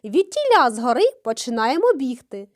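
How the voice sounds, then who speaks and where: A woman voicing a sly, unhurried male hedgehog in a children's fairy tale. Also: sits high, big pitch swings.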